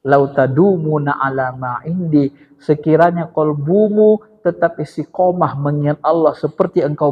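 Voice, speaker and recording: A male preacher delivers a lively sermon and turns often to his listeners. His voice is husky and sits a little high. It sounds dull and lo-fi, with long reverb from the hall around him. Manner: lively, addresses listeners directly as sir, chants God's name. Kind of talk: sermon to a study gathering. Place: religious study gathering hall.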